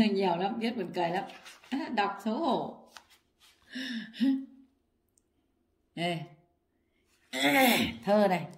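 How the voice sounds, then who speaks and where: A woman's voice: medium pitch, animated, very slow, long pauses. A woman, reading her old poems aloud in a casual vlog and often breaking into laughter. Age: 60s. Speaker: vlogger.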